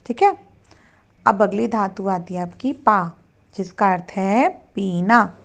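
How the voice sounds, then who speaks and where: A woman's voice: mid-range voice, slow pace, creaky. A woman teaching a Sanskrit grammar lesson to children, patiently reciting verb forms one by one.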